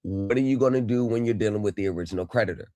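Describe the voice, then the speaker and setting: A man's voice: fairly low pitch, very fast, dark tone, dry recording, studio quality. A man hosting a livestream, chatting casually and speaking straight to his viewers over headset audio. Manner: chatty, addresses viewers directly. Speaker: livestream host reviewing court videos. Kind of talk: casual live commentary to chat.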